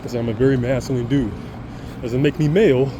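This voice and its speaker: A deep-voiced male vlogger delivers an earnest, rambling monologue to camera, speaking a little fast in a steady tone. He often restarts sentences and stammers. Loud traffic and air-conditioning hum behind him the whole time.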